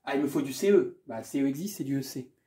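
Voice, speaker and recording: Casual French-speaking math tutor, mellow and echoey. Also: male voice, medium pitch, fast talker. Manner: thinks aloud, repeats himself, casual asides. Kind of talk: explaining a math exam correction.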